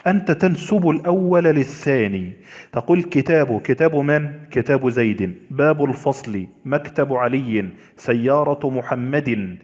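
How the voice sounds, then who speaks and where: A man's voice: mid-range voice, expressive, moderate pace, a little mellow. A man giving a recorded Arabic grammar lecture, explaining step by step and asking and answering his own questions. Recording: lo-fi audio with long reverb.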